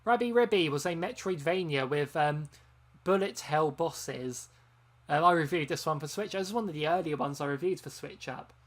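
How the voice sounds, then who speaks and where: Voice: medium pitch, moderate pace. Streamer host, loose rambling chat, lots of ums, tired from a long live stream. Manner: rambling, chatty, frequent ums and self-corrections. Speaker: game channel host.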